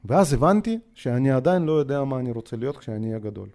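Warm-voiced man with a Russian accent. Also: mid-range voice, animated. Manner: hesitant, halting, many filler sounds. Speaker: podcast guest. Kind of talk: personal storytelling.

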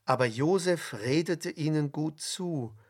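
A man reading a storybook aloud with slow, expressive narration and dramatic pauses. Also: on the high side. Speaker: reader.

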